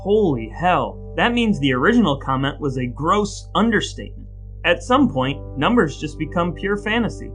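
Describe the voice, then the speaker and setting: Over faint background music, this male podcast co-host sounds a little high and very animated, talking at normal speed with a fairly bright tone. His delivery is scripted and playfully mock-solemn, shifting between dramatic reading and bantering podcast talk.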